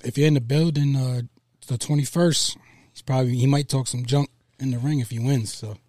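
A man co-hosting a podcast, telling boxing stories in an animated, slangy way. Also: mid-range voice, a little fast, no echo, clean studio sound. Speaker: podcast co-host. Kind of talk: casual boxing chat.

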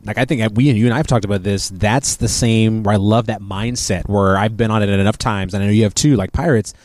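A man's voice: fairly low pitch, fairly even intonation, quick pace, darkish tone, no echo. A man co-hosting a podcast who listens supportively, laughs often and adds short jokes. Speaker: podcast co-host. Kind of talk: casual chat.

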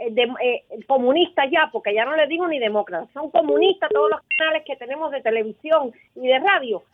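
A woman calls in to a radio show. Her voice is high and comes through a narrow, tinny phone line, and she speaks with indignant passion. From Cuba. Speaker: radio caller. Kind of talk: impassioned call-in comment.

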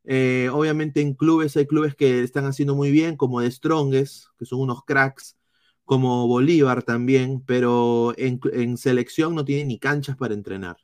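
A man with a Peruvian accent doing live football analysis, reading chat comments in a blunt, swearing style with halting restarts. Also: mid-range voice, steady tone, clean tone. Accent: Peruvian Spanish. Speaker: football streamer.

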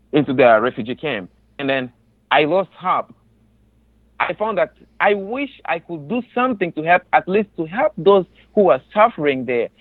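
Born in the Democratic Republic of the Congo and raised in a Tanzanian refugee camp, this resettled refugee shares his testimony in an interview with a Congolese accent. His slightly high voice is emphatic and earnest, circling back to repeat phrases. The sound is narrow and phone-like, without echo.

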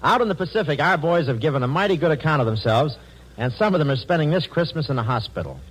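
A man's voice: fairly high pitch, lively intonation, quick pace, low-quality recording. 1940s radio announcer, formal man's voice. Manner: formal old-time radio announcer delivery. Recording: old 1940s radio broadcast recording.

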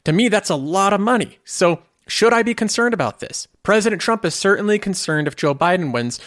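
Male finance host, scripted explainer, rhetorical questions, a touch high-pitched, dead-dry recording. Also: animated, brisk, a bit bright, dry recording. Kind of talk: scripted commentary.

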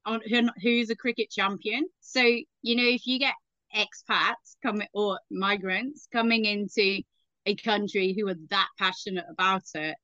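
A woman, a guest in a casual interview, telling stories in a chatty, lively way. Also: mid-range voice, a little slow, dry recording, dull audio. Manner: chatty, anecdotal, lively storyteller.

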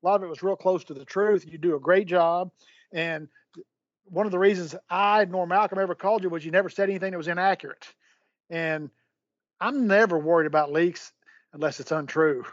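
A middle-aged man with a slightly high voice talks haltingly over a muffled, dry line, repeating words and filling pauses as he thinks. He has the hiccups and speaks frankly as an interview guest. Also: no room sound. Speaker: guest, former sports executive. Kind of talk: candid phone interview.

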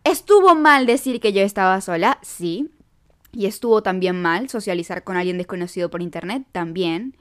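A woman's voice: medium pitch, normal speed. Chatty young woman. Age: young adult. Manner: animated, self-mocking, chatty. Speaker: vlogger. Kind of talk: storytime chat to camera.

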